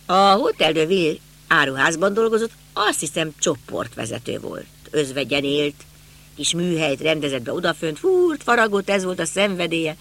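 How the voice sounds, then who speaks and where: Brief: elderly male neighbor, hesitant and reminiscing, read by a male narrator; lively pitch. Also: gravelly, full character voice. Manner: rambling, reminiscing.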